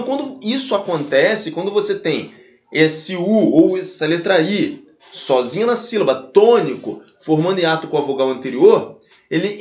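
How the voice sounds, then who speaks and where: A Brazilian man with a fairly high voice leads a grammar lesson, speaking with a Brazilian Portuguese accent. He talks straight to his students and repeats each example slowly to drive it home. The sound is echoey, as if recorded in a bare room. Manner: animated, addresses students directly, repeats and spells out examples. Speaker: Portuguese teacher.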